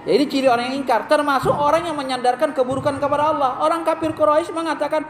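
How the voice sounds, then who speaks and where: A man preaching a sermon in an animated way, acting out the voices he quotes. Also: very high voice, rapid-fire. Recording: echoey hall reverb, faint room noise.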